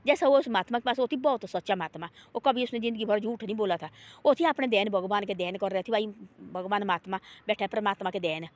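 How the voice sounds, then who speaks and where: A woman's voice: medium pitch, fast. A woman telling a moral folk tale in a rambling, folksy way, restarting often and repeating her tags meaning "he said". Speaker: storyteller. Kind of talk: oral moral storytelling.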